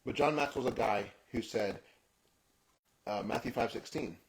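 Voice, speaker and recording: Speaking in a gravelly, medium-pitched voice, a Kenyan-raised podcast host reflects on personal matters. His monologue is halting and full of restarted phrases, with sentence endings that fade off softly.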